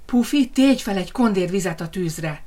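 A woman's voice: mid-range voice, lively intonation, warm tone, lightly acted. Woman voicing a brave little piglet. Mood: defiant. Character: brave, clever young piglet.

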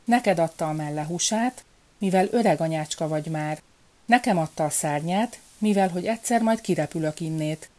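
A woman voicing a clever young peasant girl who calmly explains things in a folk tale. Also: lowish voice, natural voice. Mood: explaining.

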